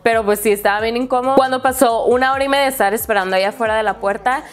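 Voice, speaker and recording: A woman telling a story casually to her vlog audience, animated and quoting people as she goes. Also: a little high, racing, clean tone. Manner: animated, quotes people in lively voices. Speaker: vlogger.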